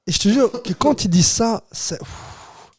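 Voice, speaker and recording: A man's voice: high-pitched, expressive, unhurried, crowd noise. A man in his thirties with a Rifian Moroccan accent, hosting a casual studio podcast and telling stories, often saying "you see". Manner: storytelling, says "tu vois" often, laughs easily. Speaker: podcast host. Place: small warm studio.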